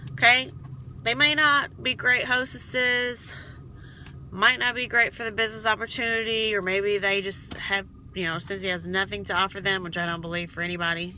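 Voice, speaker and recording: A woman with a very bright, sharp voice gives a chatty sales pep talk, encouraging her team and checking in with "okay?" as she goes. A faint hum sits behind her voice. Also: mid-range voice, low-quality recording. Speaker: direct sales team leader. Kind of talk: casual coaching vlog.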